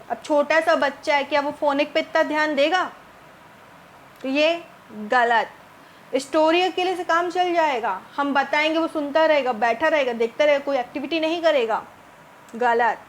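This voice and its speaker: Female tutor, high-pitched, questioning teaching style, faint room noise. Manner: reads English options slowly, then explains in Hindi with rhetorical questions. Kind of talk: exam-prep lesson walking through multiple-choice questions.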